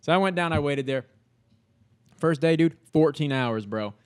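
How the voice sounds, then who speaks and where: A man's voice: on the high side, moderate pace, smooth. A young man, a podcast guest, telling a story in casual, slangy talk full of fillers and swearing. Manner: slangy and animated, heavy filler words and swearing.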